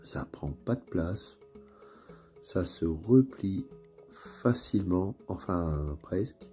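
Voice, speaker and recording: Man, northern French accent, low voice, mellow tone, chatty unboxing talk, hesitant fillers, faint music behind. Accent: northern French (Ch'ti). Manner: relaxed, chatty, many fillers and pauses. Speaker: miniatures hobby YouTuber. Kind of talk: casual unboxing video. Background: faint background music.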